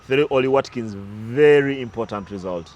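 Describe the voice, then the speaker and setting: A little mellow and mid-range, a man's voice covers recent football matches at a moderate pace. His casual pundit talk is analytical, prone to side stories, with some restarts.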